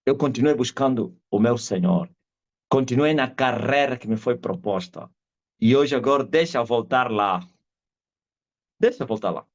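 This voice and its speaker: A middle-aged man with an Angolan Portuguese accent, an apostle giving an animated testimony sermon over a live video call. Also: mid-range voice, moderate pace. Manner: animated storyteller, acts out quoted voices and shouts. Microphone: video call audio. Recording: dull lo-fi video call audio.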